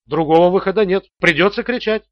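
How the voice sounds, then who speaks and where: A man's voice: high-pitched, fairly quick, no room sound, lo-fi sound, natural voice. A man voicing a menacing, mocking male extortionist in an audiobook thriller, cool and sneering. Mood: coolly menacing. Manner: coolly mocking, bursts into screams. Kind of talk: audiobook character voice.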